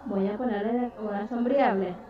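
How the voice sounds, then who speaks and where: A woman's voice: mid-range voice, fairly even intonation, moderate pace, over a noisy crowd. A woman teaching a third-grade online class in Spanish, dictating and calling her pupils by pet names. She is from Ecuador and speaks with an Ecuadorian coastal accent. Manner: affectionate, calls pupils "mi amor" and "mi vida". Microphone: computer mic on a video call. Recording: echoey, distant, dull video-call audio with children talking. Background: children's voices.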